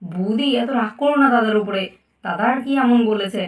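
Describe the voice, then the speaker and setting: A woman voicing a kind young aunt in a doll cartoon who coaxes gently. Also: medium pitch, brisk, echoey room, recorded from a distance, lightly acted. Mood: coaxing. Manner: coaxing, gentle. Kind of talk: doll story voice acting.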